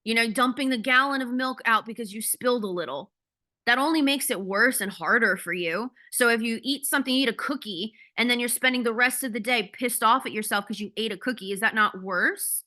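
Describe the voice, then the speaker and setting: A woman coaching a group over a video call, speaking candidly and bluntly with the odd casual curse. Her voice sits a little high and sounds bright and forceful. It comes through a video-call mic. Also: fairly quick. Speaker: ADHD coach.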